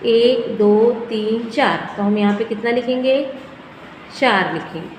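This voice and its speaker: A woman teacher, her voice pitched a little high, leads young children through simple sums. She counts aloud slowly and answers her own questions. The recording rings with a long hall echo over faint background noise. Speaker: primary school teacher. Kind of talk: teaching a first-grade maths lesson.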